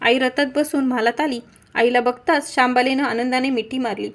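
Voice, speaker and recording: In a high-pitched voice, a woman narrates a devotional folk tale with a steady, measured storytelling delivery.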